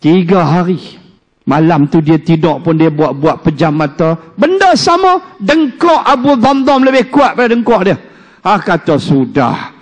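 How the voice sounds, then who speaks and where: A male religious teacher tells a story to a mosque congregation. His voice sits high and swings widely in pitch as he jokes and acts out the characters. He speaks unhurriedly, and the long reverb of the mosque hall surrounds him. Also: unhurried. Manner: animated storyteller, jokes, acts out quoted speech.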